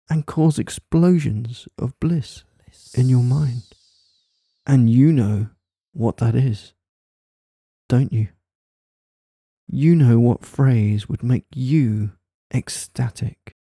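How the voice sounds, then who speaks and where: A man speaking softly and intimately right in the listener's ear, delivering a coaxing, teasing hypnosis ASMR monologue full of praise, close to the microphone. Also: mid-range voice, takes it slowly, dry recording. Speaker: hypnosis audio performer. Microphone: close microphone, dry sound.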